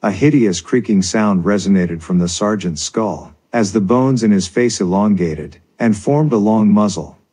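Man reading a dark folk tale, steady pace, low husky voice. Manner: measured storytelling. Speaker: narrator. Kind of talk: scripted narration.

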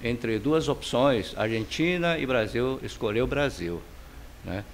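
A middle-aged man with a Chinese accent talks in an interview into a handheld mic, his voice at an ordinary middle pitch. He takes his time, filling pauses and restarting phrases. A faint hiss sits under the recording in his indoor studio. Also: lively intonation. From China. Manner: unhurried, many fillers and restarts. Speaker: painter and architect interviewee. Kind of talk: interview answers. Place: home studio with paintings, indoors.

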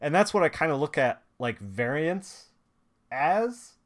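A man's voice: on the high side, sing-song, measured pace. A man hosting a live stream, chatting casually in a rambling way with many restarts and filler words. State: watery eyes, sniffly. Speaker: streamer and comic colorist host.

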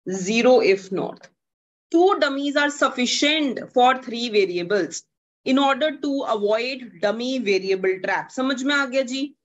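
A young woman with a North Indian accent teaching an online lesson, explaining worked problems step by step and often checking understanding. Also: fairly high pitch. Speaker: economics teacher. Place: indoors, online class over video call. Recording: dull, compressed video call audio.

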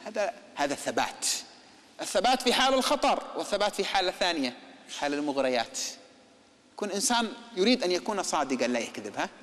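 Fast-talking preacher man in a reverberant hall. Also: high-pitched, very animated, fairly bright tone. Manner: rhetorical questions, acts out imagined dialogues. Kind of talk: religious lecture.

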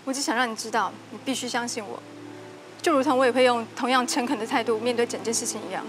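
An actress plays an earnest young woman doctor in a TV drama, quick-spoken and composed, pressing her case sincerely. Her slightly high voice sits in an echoey room over a prominent music score. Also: natural voice.

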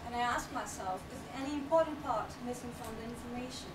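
Speaking quickly in a fairly high voice, a young woman presents on technical writing at a small meetup, earnest and explanatory, with occasional light laughter. The recording comes from a distant camera in a small room, so her voice sounds far off and echoey over loud background noise.

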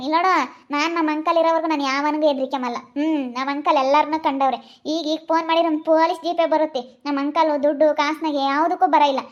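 A woman's voice: high voice, close to an everyday voice. A woman playing a boastful village woman. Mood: bragging. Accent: Kannada, Karnataka village dialect. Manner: scolding, fast and emphatic. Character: boastful village woman proud of her rich uncle. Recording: slightly dull lo-fi recording.

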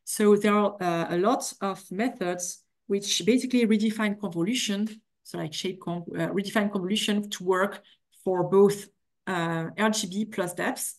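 A middle-aged woman giving an academic keynote over a video call, halting often with fillers and restarts. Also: medium pitch, fairly even intonation. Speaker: keynote speaker. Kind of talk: academic lecture. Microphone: video call webcam.

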